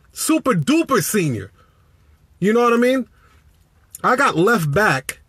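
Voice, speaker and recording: A business coach from Chicago goes live from inside his parked car, giving an animated, preachy motivational talk and greeting viewers by name. His voice is high-pitched with a breathy edge. He holds the phone at arm's length, and the recording has no echo.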